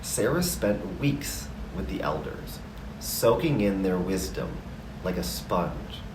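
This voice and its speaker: A man narrating a scripted story slowly, in a calm, gentle and measured manner. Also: low voice, echoey room, recorded from a distance, noisy background.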